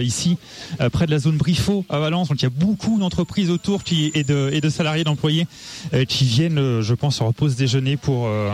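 A man's voice: mid-range voice, a little mellow. A man reporting live for radio, hesitating often with many fillers and restarts.

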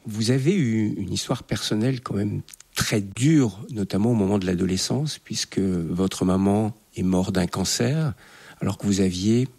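A man's voice: on the low side, normal speed, darkish tone, slightly rough. A man interviewing a guest, asking probing, empathetic questions.

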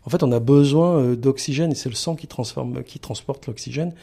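A middle-aged man from the Paris region, speaking as a guest in a radio interview and pausing often with fillers. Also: mid-range voice, vocal fry, warm tone, breathy edge. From Paris region, France. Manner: halting, many filler pauses. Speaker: sanctuary communications manager, guest.

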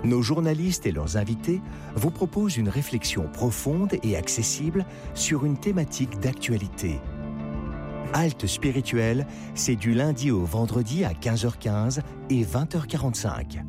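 A man's voice: mid-range voice, very animated, normal speed. A male announcer reading a scripted radio station promo. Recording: voice over music bed.

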